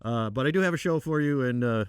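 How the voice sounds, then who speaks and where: A man hosting a radio show, chatting casually with a guest, laughing often and filling pauses with restarts. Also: medium pitch, clean tone, no echo, studio quality. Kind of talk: casual radio interview chat. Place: radio studio.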